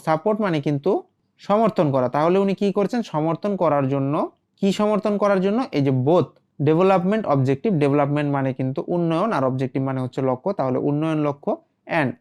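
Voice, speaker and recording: Fast-talking male language teacher. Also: a little high, a little mellow. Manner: asks rhetorical questions and answers them himself; reads English phrases then glosses them. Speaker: English teacher. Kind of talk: explanatory language lesson.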